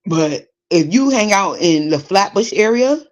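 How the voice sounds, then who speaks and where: A woman in her forties with a Brooklyn New York accent, hosting a podcast in casual chat, animated, laughing often and digressing. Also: medium pitch, a little slow, highs cut off. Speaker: podcast host. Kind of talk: casual chat reading listener comments.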